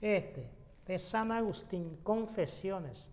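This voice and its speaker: A man teaches a Bible study as a pastor. His voice sits high for a man, and he explains at an unhurried pace, pausing on fillers and restarting phrases. A long reverb trails each sentence. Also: expressive, a little mellow.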